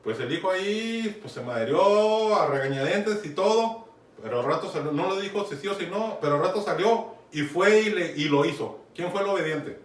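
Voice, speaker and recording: Heard from a distance in a reverberant room with faint background noise, a Mexican-accented man preaches a conversational Bible sermon and keeps checking in with listeners. His voice is high and animated, at a normal speed.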